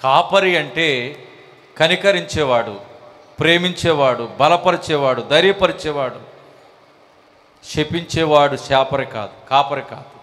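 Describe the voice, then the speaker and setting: A male pastor preaching a sermon with fervor and shouted climaxes. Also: fairly high pitch, a little slow, long pauses. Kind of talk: Telugu sermon.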